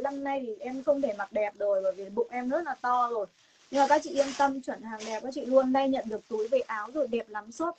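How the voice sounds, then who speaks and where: A young woman with a Northern Vietnamese accent and a high voice hosts a live clothing sale. She chats casually to viewers while selling insistently, repeating herself and making emphatic promises. The phone recording has clear noise behind her. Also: poor audio. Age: young adult. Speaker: online clothing seller hosting a livestream sale. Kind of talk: live sales pitch, casual chat to viewers. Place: room stacked with clothing stock, indoors.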